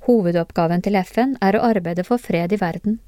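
Calm woman reading a lesson. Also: on the low side, no room sound, clean studio sound. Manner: calm, measured reading that poses questions to the listener. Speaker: narrator of classroom discussion cases. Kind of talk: scripted educational narration.

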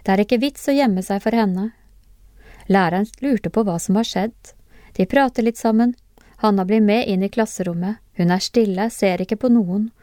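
Woman, scripted lesson narration, calm, measured, mellow tone, dry sound. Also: mid-range voice, no echo. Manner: calm, measured reading that poses questions to the listener. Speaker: narrator of classroom discussion cases.

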